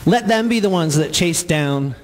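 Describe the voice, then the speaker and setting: A man in his forties doing live stand-up comedy before an audience, playful with drawn-out punchlines. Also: on the high side, lively intonation, in a large hall, slight background noise, rough recording. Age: 40s. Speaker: comedian and singer.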